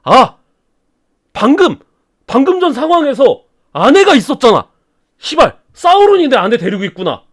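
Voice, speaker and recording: A whiny rustic peasant man, broken and apologetic, pleading in a drawn-out country way, as a man puts him on. The voice is pushed well above the storyteller's own and swings widely from line to line in a storytelling video. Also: extremely high pitch, big pitch swings, voice pushed up, heavily acted.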